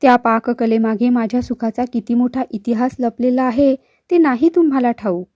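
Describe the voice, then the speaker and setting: Storybook: gentle, halting young wife, voiced by a woman, high, dry sound. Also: fairly even intonation, no room sound, lightly acted. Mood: wistful. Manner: soft, halting, reminiscent. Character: young wife, grieving and wistful.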